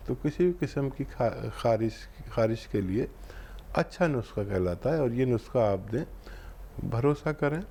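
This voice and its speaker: A man hosting a phone-in health show, calmly and reassuringly explaining herbal remedies to callers step by step. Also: mid-range voice. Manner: calm, reassuring, instructive.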